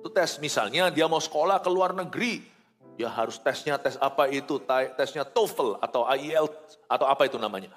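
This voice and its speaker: A male pastor preaching a sermon, acting out quoted voices and swinging between loud bursts and hushed asides. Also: medium pitch, a little fast, in a large hall, faint music behind.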